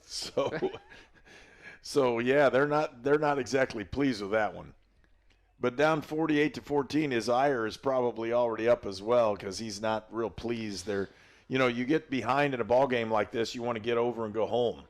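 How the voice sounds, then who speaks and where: A man's voice: medium pitch, normal speed. A man doing play-by-play commentary for a college football game, chatting and explaining the rules at length. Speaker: play-by-play announcer.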